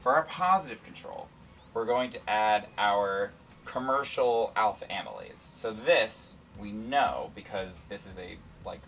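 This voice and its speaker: A man's voice: on the low side, animated, unhurried, fairly bright tone, far from the mic, slight background noise. A man hosting a playful, casual science lesson and talking through an experiment. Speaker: science show host and demonstrator.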